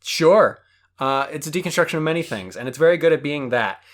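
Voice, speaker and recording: Male co-host; teasing, loud in arguments, lively intonation. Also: on the high side, fairly quick. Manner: teasing, laughs often, argues loudly. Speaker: podcast co-host. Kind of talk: casual banter.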